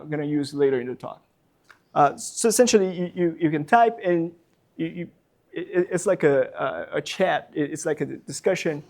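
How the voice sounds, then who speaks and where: A Brazilian man in his thirties, a university professor speaking English as a non-native speaker with a Brazilian Portuguese accent, gives a public lecture in a library talk room. His voice is fairly high and darkish in tone, and he sounds hesitant, using many fillers and repeating words.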